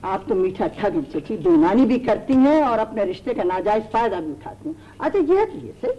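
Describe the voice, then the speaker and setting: An actress playing an anxious, genteel household matriarch who frets and bickers, in an old TV drama. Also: female voice, mid-range voice, sing-song, a little fast, mellow, close to an everyday voice, rough recording. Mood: fretful. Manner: fretful and bickering. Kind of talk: 1980s TV drama acting. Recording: old TV drama audio, light noise.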